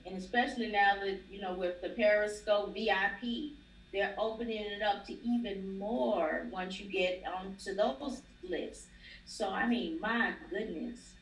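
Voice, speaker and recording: A woman from Nashville, Tennessee, with a mid-range, unhurried voice appears as a guest in a casual livestream interview. An educator, she speaks emphatically and repeats phrases for stress, and the recording sounds roomy and distant with faint ambience.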